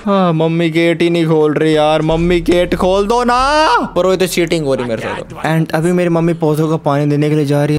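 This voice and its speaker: Young male gamer, high voice, playful pleading commentary, faint hiss; for horror let's-play. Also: a little mellow. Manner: playful, pleading with game characters, mixes English words. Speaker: gaming YouTuber.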